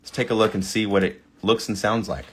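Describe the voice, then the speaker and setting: A man's voice: lowish voice, fairly even intonation, brisk. A man reading AI video prompts aloud in a casual commentary, sometimes stumbling over words and reacting with delight. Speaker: video creator. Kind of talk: casual screen-recording commentary.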